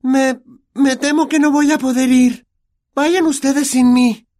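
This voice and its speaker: A man voicing a worried teenage witch who won't come out from behind a door, speaking in a high, pleading voice. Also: steady tone, slow pace, mellow.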